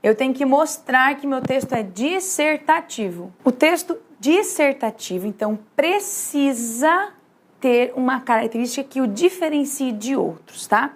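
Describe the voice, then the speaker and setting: Woman teaching essay writing, lively, high voice, keeps asking "tá?". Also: measured pace. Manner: lively, checks in with frequent "tá?". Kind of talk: classroom lesson at a whiteboard.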